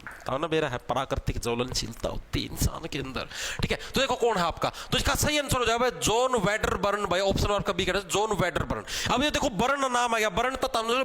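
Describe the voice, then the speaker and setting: Man, Haryanvi accent, exam coaching teacher, high voice, chatty joking manner. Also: expressive, a little fast, sharp tone. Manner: chatty, joking, addresses students as bhai. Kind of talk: live online class with memory tricks.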